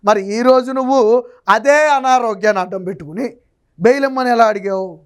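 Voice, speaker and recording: Telugu political analyst, male, very high clear voice, mocking rhetorical delivery. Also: brisk. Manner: mocking, rhetorical, quotes others in exaggerated tones. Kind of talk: political commentary.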